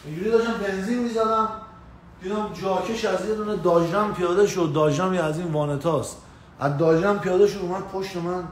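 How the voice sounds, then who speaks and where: A man with a high-pitched, fairly evenly inflected voice tells a story casually on a live stream, using slang, swearing, and greeting viewers by name. He's indoors in the US, in an echoey room with faint ambient noise.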